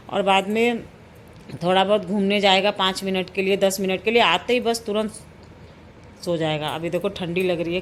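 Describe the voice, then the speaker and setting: A woman chats in a repetitive, down-to-earth vlog from a room at home. She says she feels unwell and dizzy but keeps talking. A faint hum of noise sits behind her voice. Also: medium pitch. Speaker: vlogger. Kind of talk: casual vlog chat.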